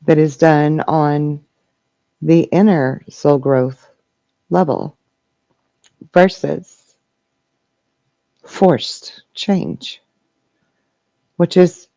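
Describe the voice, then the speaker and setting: A man speaking as a seance medium in trance, voicing a benevolent collective spirit guide with formal, halting phrasing. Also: a little high, vocal fry, warm tone, no echo, highs cut off. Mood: solemn. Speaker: trance channeler answering questions. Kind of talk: trance channeling question and answer session.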